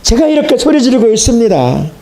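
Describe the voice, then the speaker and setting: A man's voice: extremely high pitch, big pitch swings, a little fast, mellow, pitched above the performer's own voice, heavily acted. A man preacher voicing a bitter, complaining man who was once blind.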